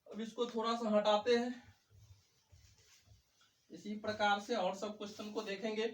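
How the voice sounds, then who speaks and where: Guy teaching math, slow and high, asks stuff then answers it himself, kinda far from the mic. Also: flat delivery. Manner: poses questions and answers them himself. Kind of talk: whiteboard lecture. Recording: echoey room, mic far off.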